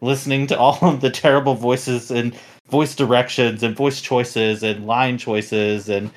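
A man's voice: mid-range voice, level tone, measured pace. A man hosting a casual podcast chat, rambling and critical, often restarting his sentences. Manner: rambling, critical, self-correcting. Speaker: podcast host.

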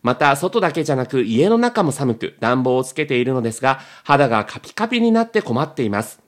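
A man's voice: mid-range voice, sing-song, quick pace. A man hosting a podcast in a casual, polite and agreeable way, chatting and reading out letters. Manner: agreeable, frequent affirming backchannels, polite phrasing. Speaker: podcast host.

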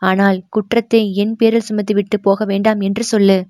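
A proud young dancer speaks with sharp resentment, close to tears, as a woman reading the story gives her voice. The sound is close and dry, with no room around it. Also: mid-range voice, little pitch movement, fairly quick, dry recording, natural voice. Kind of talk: audiobook narration of a historical novel.

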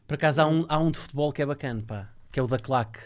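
Fast-talking man, European Portuguese podcast host. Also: mid-range voice. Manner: informal, teasing. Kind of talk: casual joking interview chat.

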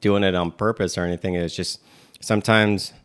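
A man with a very deep voice talking in a level, unvaried way. He co-hosts a relaxed chat and rambles, stopping and restarting his sentences with lots of "um" and "like." He sounds like he's in his thirties. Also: fairly quick, clear, resonant tone. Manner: rambling, many fillers and restarts. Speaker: podcast co-host. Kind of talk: casual chat.

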